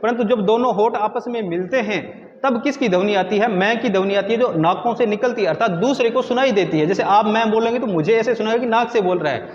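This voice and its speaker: A man's voice: high-pitched, fairly quick, reverberant, long reverb tail, dull audio. A man teaching Hindi grammar for exam prep, asking his own questions and answering them himself.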